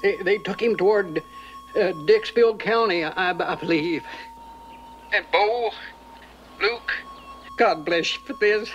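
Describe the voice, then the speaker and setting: An actor playing a flustered small-town sheriff, pleading and stammering over a CB radio transmission. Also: male voice, high voice, slow pace, long pauses, slight background noise. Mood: earnest. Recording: muffled CB radio audio.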